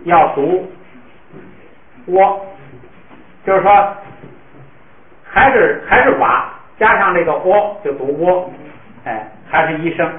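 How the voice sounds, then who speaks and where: A man teaching a classroom pronunciation lesson, patiently modeling words slowly for the class to repeat. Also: on the high side, lively intonation. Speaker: language teacher. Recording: echoey room, tinny phone-like sound.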